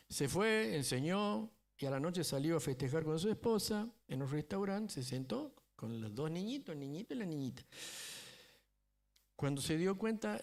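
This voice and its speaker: High-voiced male pastor preaching. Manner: storytelling preacher who often asks the congregation for agreement. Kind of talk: sermon. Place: church.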